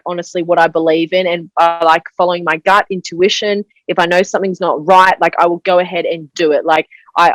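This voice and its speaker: Young woman, low-pitched, dry close sound, chatty interview guest. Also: no echo, poor audio. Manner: chatty storyteller, fills speech with 'like'. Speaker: podcast guest. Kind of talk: casual interview chat.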